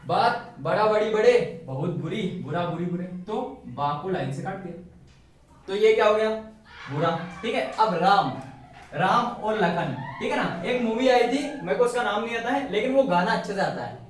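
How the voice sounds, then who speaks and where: A man's voice: high voice, lively intonation, normal speed, slight background noise. A male shorthand teacher giving a casual classroom lesson, asking and answering his own questions and cracking jokes as he goes. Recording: very echoey room, mic far away.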